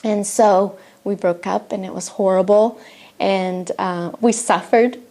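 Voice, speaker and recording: In a measured, steady and mellow mid-range voice, a middle-aged missionary from Argentina, a native Spanish speaker, offers a personal testimony. Her account of her faith is earnest and reflective, with some restarts along the way.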